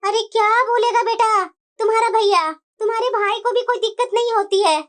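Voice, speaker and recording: A woman's voice: very high voice, fairly even intonation, a little fast, background noise. A woman voicing an elderly mother in a cartoon, complaining in a plaintive, whiny way. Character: elderly mother, complaining about her daughter-in-law. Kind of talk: cartoon voice acting.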